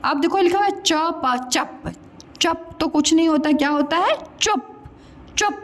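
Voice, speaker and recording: A woman teaching young children Hindi pronunciation, stretching each word slowly syllable by syllable and asking them to repeat. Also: very high-pitched. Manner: drawn-out syllable-by-syllable pronunciation, questioning pupils; calls the listener "beta" (child). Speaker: primary school Hindi teacher. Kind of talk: slow spoken lesson for young children.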